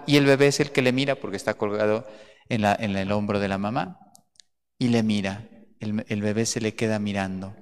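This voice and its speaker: Priest with a smooth resonant voice in a reverberant hall. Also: male voice, mid-range voice. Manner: earnest storytelling, pausing and repeating words. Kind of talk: homily. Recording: long church reverb.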